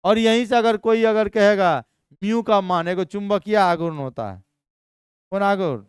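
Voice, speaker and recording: A man teaching chemistry in a live class, energetic and constantly quizzing his students. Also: sits high, normal speed, smooth, dry recording, studio quality.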